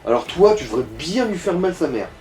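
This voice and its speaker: A co-commentator guides someone through a video game, chatting casually and colloquially with some swearing. His high-pitched voice is very animated, fairly quick and a little mellow, with slight background noise.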